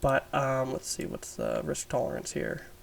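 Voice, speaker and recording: A man with a raspy, under-the-weather voice gives an informal, explanatory chart review as an instructor, thinking aloud as he goes. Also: medium pitch, wildly swooping pitch, normal speed. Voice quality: raspy, smoker's-rasp sound. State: sick, raspy voice. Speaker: trading instructor.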